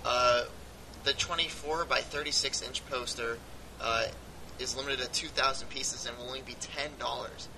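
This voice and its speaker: A man chats casually as co-host of a fan podcast. He laughs often and trails off mid-thought before starting again. His home recording carries a steady hiss and a low rumble. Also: moderate pace.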